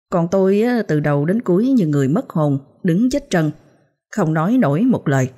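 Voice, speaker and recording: Female storyteller, low husky voice, calm ghost-story narration.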